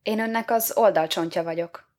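Eve, a sweet and playful young woman, as a reader voices her in a storybook tale. Her voice is gentle and coaxing, set a touch low. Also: close to an everyday voice.

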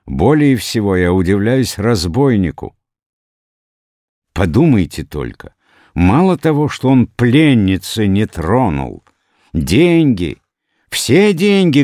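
A man voicing an excited male traveler who exclaims in wonder at the money in a parable. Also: mid-range voice, slow pace, dry recording, studio quality, pitched above the performer's own voice. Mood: astonished.

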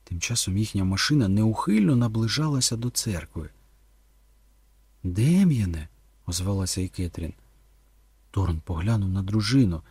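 A man reading a dramatic audiobook, with tense narration that drops low and slow in the dark passages. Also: slightly rough, no echo.

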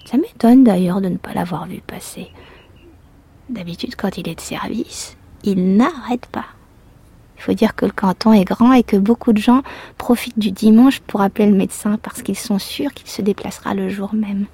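A soft, gossipy village woman. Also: medium pitch, normal speed, breathy edge, no room sound. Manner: soft, half-whispered, gossipy. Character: chatty village woman talking to the doctor. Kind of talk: radio drama monologue.

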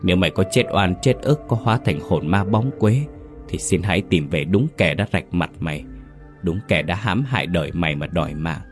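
A man voicing an older male servant, hoarse and weary, resigned to his fate in a told horror story. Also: low voice, expressive, fairly quick, over music. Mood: grim warning.

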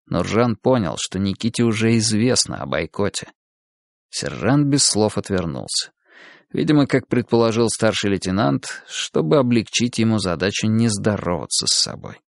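A man narrating an audiobook in an even, measured way. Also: fairly low pitch, vocal fry, dry recording, clean studio sound. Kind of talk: scripted narration.

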